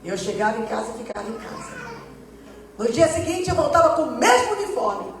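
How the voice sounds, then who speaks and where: A woman's voice: sits high, sing-song, brisk. A woman missionary giving a testimony sermon, telling her story and acting out the dialogue. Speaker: missionary preacher. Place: church hall. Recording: echoey church hall, distant mic.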